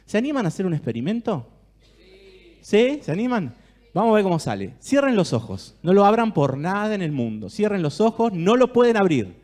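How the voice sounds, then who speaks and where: A man's voice: high voice, big pitch swings, brisk, a little mellow. A man with an Argentine Spanish accent, giving a talk to a church group and speaking straight to his listeners with questions. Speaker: speaker at a church family ministry. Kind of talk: talk to a live audience.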